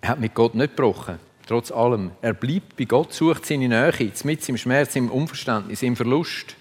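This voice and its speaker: A man's voice: medium pitch, normal speed, husky. A man preaching a sermon, earnest and reflective, speaking in short phrases. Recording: long reverb of a large hall.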